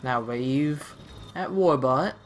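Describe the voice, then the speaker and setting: A man's voice: medium pitch, takes it slowly, a little hiss or hum. A man giving casual, rambling gameplay commentary, playfully talking to himself and the game. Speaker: let's-play gamer.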